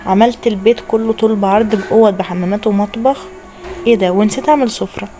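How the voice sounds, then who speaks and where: A woman's voice: medium pitch, quick pace, warm tone, soft background music. A woman with an Egyptian Arabic accent, chatting casually to her viewers as the storyteller who voices every character. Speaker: storyteller voicing all characters.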